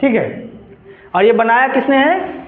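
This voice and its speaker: A man's voice: extremely high pitch, animated, measured pace. A man teaching a class in speech, asking his students questions and then answering them himself. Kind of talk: classroom lecture. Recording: echoey room on a tinny lo-fi line.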